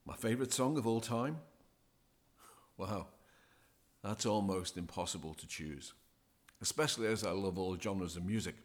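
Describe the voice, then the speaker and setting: A man speaking as a podcast guest, giving deliberate, emphatic advice as a DJ coach. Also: low-pitched. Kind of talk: measured, scripted-sounding advice.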